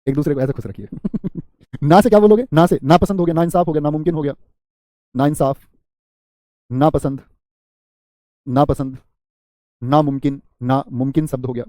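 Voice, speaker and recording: A man's voice: mid-range voice, warm tone, dry recording, clean studio sound. A man teaching an exam-prep grammar class live, repeating word lists, quizzing students and answering their chat comments with small jokes.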